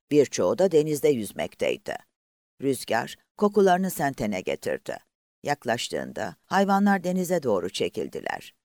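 A man narrating a novel aloud in a measured, expressive storytelling manner. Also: mid-range voice, no echo, studio quality. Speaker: audiobook narrator. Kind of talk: scripted narration.

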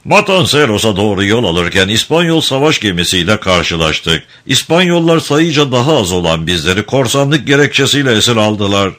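A man voicing a calm French sailor who testifies in court, speaking in a composed, unruffled way. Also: lowish voice, normal speed, few pauses.

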